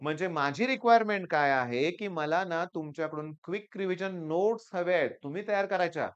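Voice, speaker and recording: A man's voice: high-pitched, a little fast, smooth, lo-fi sound. Emphatic middle-aged man tutoring students. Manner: emphatic and urging, tells anecdotes to students. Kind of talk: exam-prep teaching talk.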